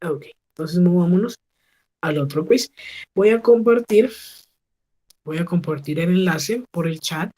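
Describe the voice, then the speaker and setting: Slow, patient woman teacher. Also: fairly low pitch, dark tone. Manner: patient, slow model pronunciation with frequent check questions. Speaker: English teacher. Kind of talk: online class instruction. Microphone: video call.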